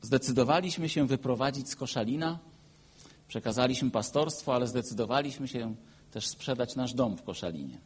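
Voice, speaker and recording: A pastor preaching a sermon and telling a personal story. He swings between loud, emphatic peaks and quiet, low asides. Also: expressive, fairly quick, husky.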